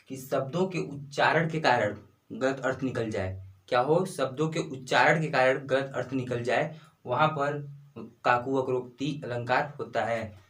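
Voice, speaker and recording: A man's voice: mid-range voice, fairly bright tone. Man teaching by repeating himself. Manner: repeats key phrases slowly, asks and answers own questions. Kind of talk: explaining Hindi grammar to students.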